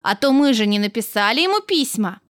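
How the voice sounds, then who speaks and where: A woman's voice: on the high side, sing-song, a little fast, clear, resonant tone, dry recording, studio quality. Woman doing Tyr-Tyr, a friendly humming little vehicle. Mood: cheerful. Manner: warm, reassuring, upbeat. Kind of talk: storybook character voice.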